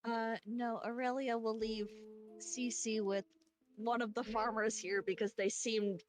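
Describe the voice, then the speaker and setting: A woman playing a tabletop game, gently describing what her character does. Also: fairly high pitch, little pitch movement, measured pace, soft background music. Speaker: player.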